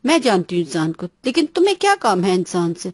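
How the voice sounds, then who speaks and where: A woman voicing a gentle female farm cow in a children's story, mild and amused. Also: fairly low pitch, big pitch swings, breathy edge, dry recording, clean studio sound.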